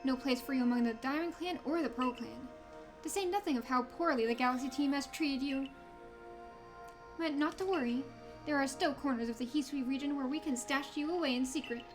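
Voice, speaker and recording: A woman plays a sly fantasy game merchant with a high voice. The talk is smooth, courteous and a little theatrical, eager to oblige, over music. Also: brisk, close to an everyday voice. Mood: sly, obliging. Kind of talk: reading game dialogue in character.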